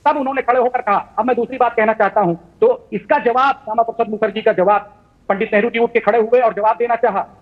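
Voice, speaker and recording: A man arguing as an opposition spokesperson in a TV debate, insistently recounting historical anecdotes. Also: high voice. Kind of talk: debate argument. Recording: phone-like remote audio line.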